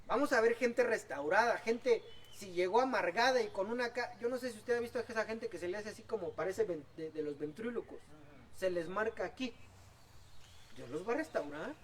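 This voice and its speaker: A man preaching a sermon as pastor, swinging between loud exhortation and soft asides. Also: high voice, fairly quick. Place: outdoor church service. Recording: distant mic with faint background noise.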